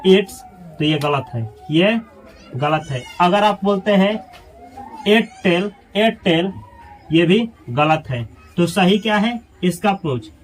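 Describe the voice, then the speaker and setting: Slow high-voiced teacher. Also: male voice, slight background noise, rough recording. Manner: repeats key words slowly, drilling students with questions; drops low and soft when marking mistakes. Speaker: English teacher. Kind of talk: spoken grammar lesson.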